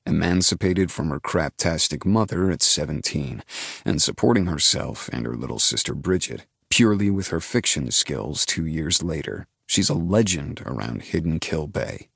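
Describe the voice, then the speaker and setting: A man's voice: extremely low pitch, lively intonation, moderate pace, creaky, slightly rough, no room sound. A man narrating a first-person audiobook in a dry, laid-back storytelling manner.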